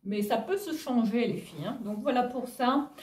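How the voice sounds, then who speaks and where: A woman's voice: on the high side, expressive, normal speed, a little mellow. Chatty woman showing off her clothes. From Réunion. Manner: chatty, addresses viewers as "les filles", frequent fillers and laughs. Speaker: fashion vlogger. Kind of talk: casual haul video chat. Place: home, her apartment.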